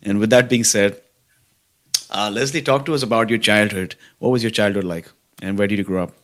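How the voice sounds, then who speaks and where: A man hosting an interview, calm and affirming, asking questions and murmuring agreement. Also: lowish voice, brisk. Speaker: host. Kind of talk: conversational interview.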